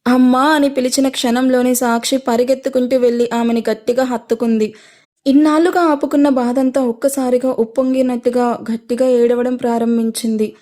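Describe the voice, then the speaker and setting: A woman narrating an audio story in a steady, emotive way. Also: fairly high pitch, a little fast.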